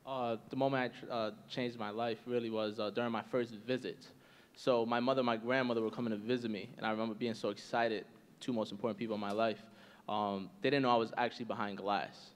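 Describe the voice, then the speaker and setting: A man in his twenties telling his life story as a panel guest, earnest and steady with frequent "um"s. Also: mid-range voice, fast, clean tone, long reverb tail. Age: 20s.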